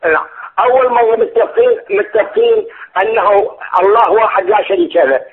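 Guy calling in, tinny phone sound, talks quick and keeps tripping over words. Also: sits high. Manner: halting, stammering, pleading. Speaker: phone-in caller. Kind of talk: heated phone-in debate.

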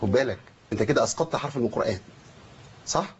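A man with an Egyptian Arabic accent teaching Quran recitation rules. He chants verses slowly to demonstrate them and quizzes his students as he goes. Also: mid-range voice, lively intonation, darkish tone, husky. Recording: dull lo-fi recording.

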